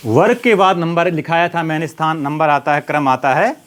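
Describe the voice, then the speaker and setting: A middle-aged man with a Hindi accent teaching a Sanskrit grammar lesson, reciting letters slowly and asking and answering his own questions. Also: a little high, a bit bright. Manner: slow, deliberate recitation of letters.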